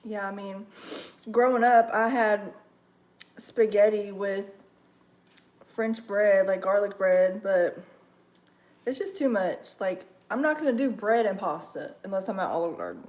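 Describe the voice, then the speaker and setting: A young woman chatting casually on a kitchen livestream, full of fillers and savoring her food out loud. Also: medium pitch, expressive, measured pace. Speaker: livestream host. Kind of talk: casual livestream cooking chat. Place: home kitchen.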